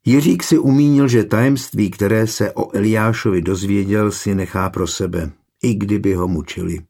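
Guy narrating an audiobook, deep-ish and gravelly, kinda husky, steady pace. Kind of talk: scripted narration.

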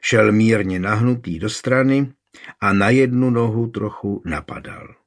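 Man, audiobook narration, low-pitched, steady, measured.

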